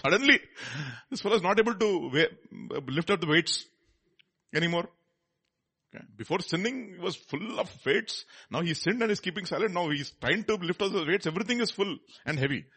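Husky Indian-accented male preacher, animated pitch. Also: fairly quick. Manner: rhetorical questions and repeated phrases for emphasis. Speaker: preacher teaching from the Bible. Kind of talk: expository sermon with question and answer.

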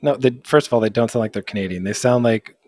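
A man's voice: mid-range voice, quick pace, darkish tone. A man co-hosting a casual gaming podcast, dry and teasing, often laughing. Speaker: podcast co-host. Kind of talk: casual chat.

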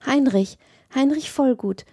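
A woman voicing a shy, wistful young peasant girl who speaks softly and bashfully, in a lifted voice. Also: fairly high pitch, normal speed, dry recording, clean studio sound, pitched above the performer's own voice. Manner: soft, bashful, sighing.

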